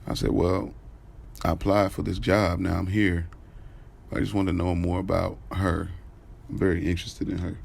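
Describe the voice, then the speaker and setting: A man with a deep, creaky, husky, slightly mellow voice gives a heavily acted but flat performance as Jalen, an easygoing young driver who is smitten and recounting his day. The audio drama narration is casual and storytelling in mood, conversational, slangy, and unhurried.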